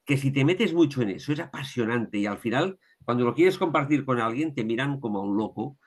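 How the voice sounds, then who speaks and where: A man's voice: medium pitch, expressive, fairly quick. A man with a Catalan accent, an author talking through his research in a casual interview, thoughtful and full of restarts and tag questions. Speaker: author, guest.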